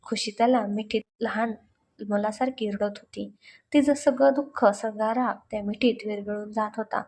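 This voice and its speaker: A woman narrating a romantic story in a steady, expressive storytelling style. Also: mid-range voice, normal speed.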